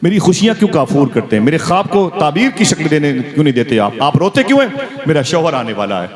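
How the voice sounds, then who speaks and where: A man's voice: fairly high pitch, big pitch swings, quick pace, voice pushed up. A man preacher voicing a tender, hopeful young widowed mother in a pleading, questioning way, over crowd noise at a live gathering.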